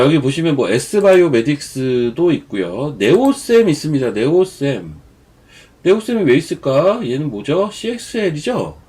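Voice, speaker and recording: Slightly rough and a little mellow, this man's medium-pitched voice carries chatty stock market commentary on a live stream. He's the show's regular commentator, he has a cold, and he keeps digressing into stories about himself.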